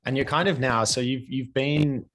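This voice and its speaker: A man's voice: medium pitch, steady tone, moderate pace, fairly bright tone. A man hosting a podcast, greeting listeners and asking loose, rambling questions with ums. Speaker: podcast host. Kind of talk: casual interview hosting.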